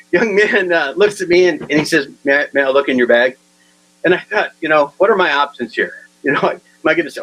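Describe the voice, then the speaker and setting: A man giving a humorous keynote talk, telling funny anecdotes in an animated way and chuckling at his own stories. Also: sits high, rough recording. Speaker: humor speaker. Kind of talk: comic keynote storytelling.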